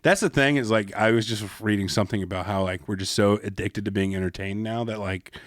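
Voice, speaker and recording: A man's voice: fairly low pitch, fairly quick, no room sound, studio quality. A young man from California co-hosting a podcast in a casual, joking chat, full of likes and easy laughs. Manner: joking, laid-back, lots of likes and laughs. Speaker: podcast co-host.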